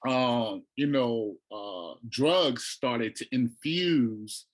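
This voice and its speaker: Relaxed middle-aged man from Tonga. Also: mid-range voice, extremely slow, rough recording. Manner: relaxed, reflective, full of "you know" and restarts. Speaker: guest. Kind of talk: casual storytelling interview.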